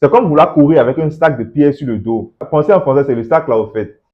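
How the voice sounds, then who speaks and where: A man's voice: a little high, fast talker. A man hosting an English-learning channel, giving a motivational talk straight to the viewer, encouraging and full of rhetorical questions, repeating words to stress a point. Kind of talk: motivational talk to camera, addressing the viewer directly. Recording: slightly dull, lo-fi sound.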